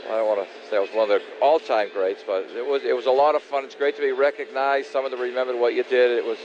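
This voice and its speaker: A man's voice: medium pitch, fairly even intonation, fast talker, darkish tone. A man in his sixties giving casual, modest, plain-spoken interview answers as a guest. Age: 60s. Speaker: former college hockey player, interview guest. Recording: dull lo-fi broadcast, faint noise.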